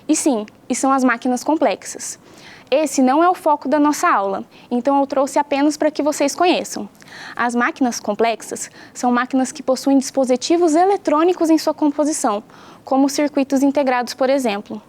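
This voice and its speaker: A young woman teaches a school science class for pupils at home. Her voice sits high and light, and she explains each point clearly and patiently, often asking the children questions. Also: fairly quick, a little mellow. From Brazil.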